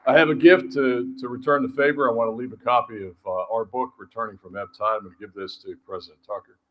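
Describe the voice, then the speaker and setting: A man's voice: medium pitch, fairly even intonation, fast talker, low-quality recording. A man giving an encouraging address to graduates at a ceremony. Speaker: guest speaker.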